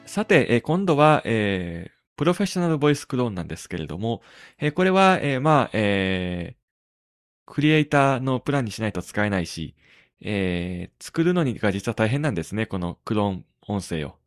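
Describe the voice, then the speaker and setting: Halting man hosting a tech podcast. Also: lowish voice, sing-song, no echo, studio quality. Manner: halting, many drawn-out fillers between phrases. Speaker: podcast host. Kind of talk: casual tech podcast talk.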